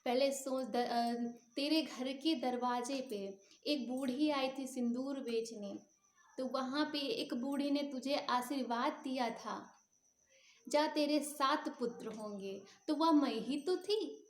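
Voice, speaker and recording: A woman's voice: sits high, slow, slight background noise. A woman voicing a stern but motherly elder goddess who scolds and then reassures a grieving devotee. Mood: reassuring. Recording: roomy echo.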